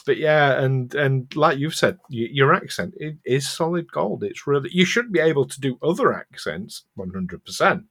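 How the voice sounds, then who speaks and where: This is a middle-aged man with a soft Yorkshire accent, co-hosting a podcast. His voice is husky and of middling pitch. He chats loosely, laughs at himself and often starts a sentence over. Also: lively intonation, moderate pace, hardly any pauses. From Yorkshire, England. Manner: chatty and self-mocking, laughs often, restarts sentences. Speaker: podcast co-host. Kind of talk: casual podcast chat.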